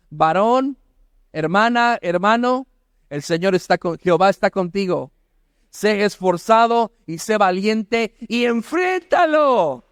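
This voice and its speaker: A middle-aged male pastor preaching a sermon, emphatic, with rhetorical questions and bursts of shouted exhortation. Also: high voice, smooth, no room sound, studio quality.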